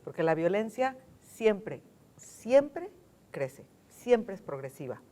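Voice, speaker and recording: A Mexican woman speaking as a guest on a studio panel, emphatic, repeating key words and slowing down to stress them. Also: medium pitch, big pitch swings, warm tone. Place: television studio.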